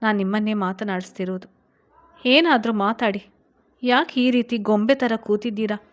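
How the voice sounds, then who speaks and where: A woman's voice: medium pitch, normal speed, natural voice. A woman reading a storybook and voicing a young student wife who pleads with her cold husband, hurt and close to tears. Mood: hurt pleading.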